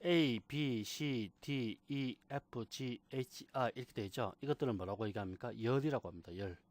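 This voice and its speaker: A man's voice: mid-range voice, no room sound. Patient man teaching, dry close mic. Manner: patient, repeats key terms slowly, asks rhetorical questions. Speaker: computer instructor. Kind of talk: screen-recorded software tutorial.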